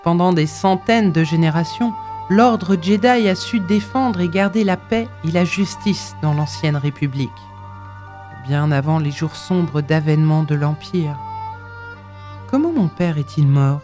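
A man narrating a storybook with a clear, expressive read-aloud delivery. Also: fairly high pitch, a little slow, soft background music.

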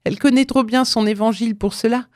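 A woman's voice: on the high side, fairly even intonation, fast talker, no echo, studio quality, voice pushed up, natural voice. A woman voicing a tender old mother who pleads fervently with her son in a read-aloud story. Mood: pleading. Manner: fervent, imploring.

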